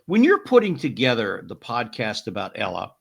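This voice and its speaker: A man's voice: medium pitch, huge pitch swings, moderate pace, gravelly, slightly rough. A man hosting a podcast interview, asking long, rambling questions with many restarts. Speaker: podcast host. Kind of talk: casual interview chat.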